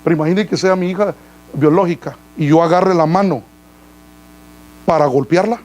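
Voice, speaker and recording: A man pastor with a slightly high voice and darkish tone preaches in a church at normal speed. Addressing the congregation as brother, he keeps asking them questions, and the recording is rough.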